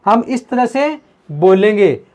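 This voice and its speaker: A man teaching a grammar lesson on video. He talks slowly and repeats himself, calls the viewers his friends, and asks questions that he then answers himself. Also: sits high, sing-song, warm tone. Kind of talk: video lesson explaining at a board.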